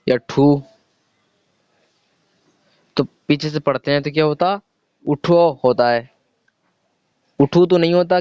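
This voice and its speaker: A man's voice: a little high, clear, resonant tone, no echo. A man teaching a reading lesson, patiently spelling out letters and sounds one by one and asking questions he answers himself. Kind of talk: slow step-by-step reading lesson. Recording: dull lo-fi sound.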